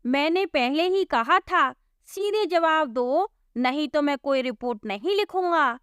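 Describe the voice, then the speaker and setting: A woman's voice: high voice, animated, a little slow, a bit bright, no echo, studio quality. A woman voicing an impatient village police constable who scolds and questions people in a storybook tale. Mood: exasperated. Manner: scolding, exasperated. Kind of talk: storybook voice acting.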